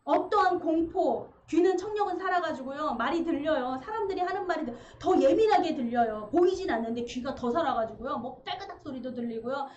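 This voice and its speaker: A woman preaching a sermon in a church, animated and acting out the voices she quotes. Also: sits high, brisk, hardly any pauses. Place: church sanctuary. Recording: roomy, slightly dull livestream with faint hiss.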